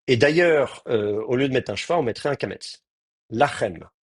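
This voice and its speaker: Male teacher, husky voice, dry close recording, hesitant explanatory delivery. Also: mid-range voice, animated, moderate pace, dry recording. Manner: explanatory, hesitant with many fillers. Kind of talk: online class lecture.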